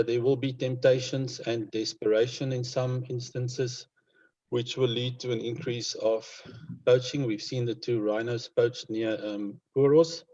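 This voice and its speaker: A man with a Namibian accent speaking as a conservationist in an informal interview, in a hesitant, measured and concerned manner. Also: mid-range voice, warm tone. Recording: dull lo-fi online call audio.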